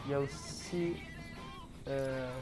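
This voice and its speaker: A gaming YouTuber with a Québécois French accent and a cold talks over a video game, coughing as he goes. His medium-pitched, slightly mellow voice moves slowly with fairly even intonation, and his casual commentary is hesitant, full of fillers and restarts. Faint music plays behind him.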